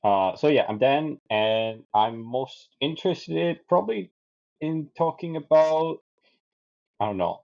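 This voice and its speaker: A man's voice: lowish voice, vocal fry, muffled recording. A man chatting casually as a panelist in a book discussion. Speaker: podcast panelist.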